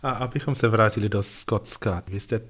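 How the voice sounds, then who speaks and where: A man with an English accent, a native English speaker, asking measured interview questions. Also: lowish voice, a bit bright.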